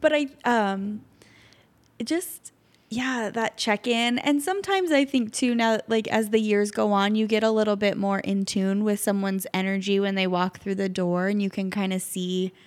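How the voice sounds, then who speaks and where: A woman's voice: mid-range voice, fairly even intonation, moderate pace. A woman in her thirties co-hosting a podcast, talking casually and reflectively, often trailing off and restarting. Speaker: podcast co-host. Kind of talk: casual chat.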